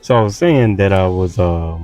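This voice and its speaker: A man's voice: low voice, lively intonation, moderate pace, dark tone, soft background music. Tired Southern man rambling over gameplay. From Texas, US. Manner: tired, meandering, many fillers and restarts. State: tired from little sleep. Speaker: gaming streamer. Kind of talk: rambling casual chat while gaming.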